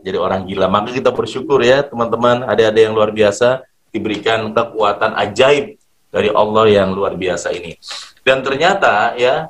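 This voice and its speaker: A man leading an online motivation class for schoolchildren, coaxing and energetic, leaning on the same phrases again and again. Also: mid-range voice. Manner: energetic, coaxing, repeats "ya" and "luar biasa". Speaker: motivational trainer.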